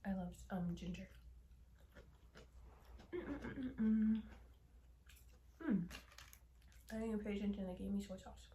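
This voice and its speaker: A young woman chatting casually while she eats on camera, candid and swearing offhandedly, often dropping into soft whispered asides. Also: mid-range voice, steady tone, quick pace, roomy sound, slight background noise. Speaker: mukbang vlogger. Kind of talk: casual mukbang chat while eating.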